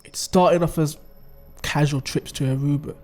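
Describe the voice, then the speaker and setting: In a dramatic audio story, a man with a fairly high, steady voice plays a scheming middle-aged father recounting his wife's crimes, explaining conversationally in an uneasy, explanatory mood. His pace is moderate and his tone a little mellow, the acting is light, and faint music plays behind him.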